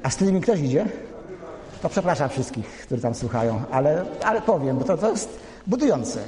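A man's voice: a little high, very animated, normal speed, mellow. A man preaching a sermon, telling family stories in a chatty, anecdotal way and speaking straight to the congregation. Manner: conversational, anecdotal, addresses the congregation directly. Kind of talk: storytelling sermon. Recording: echoey hall reverb.

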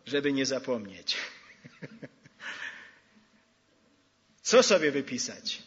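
Male preacher, slow and deliberate, lively pitch swings, husky edge. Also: muffled recording. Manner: animated, rising to exclamations and dropping to soft asides. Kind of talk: sermon.

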